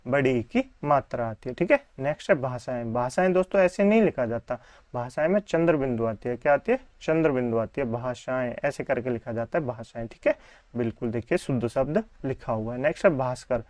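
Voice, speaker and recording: Hindi teacher drilling with repeated questions. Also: male voice, mid-range voice, expressive, brisk, darkish tone, no room sound. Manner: repetitive question-and-answer drilling. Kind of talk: online exam-prep lesson.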